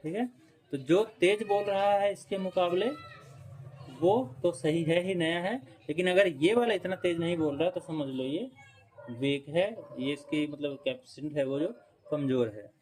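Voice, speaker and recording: Higher-voiced man teaching fan repair. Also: moderate pace, darkish tone. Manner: explanatory, repeats points, frequent "ठीक है" check-ins; demonstrating with tools while talking. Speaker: electrician instructor. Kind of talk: hands-on repair tutorial.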